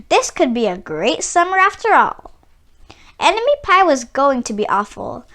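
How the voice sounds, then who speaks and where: Female children's book reader, bright and lively, theatrical storytelling with emphatic key words. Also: high voice. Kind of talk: expressive read-aloud storytelling.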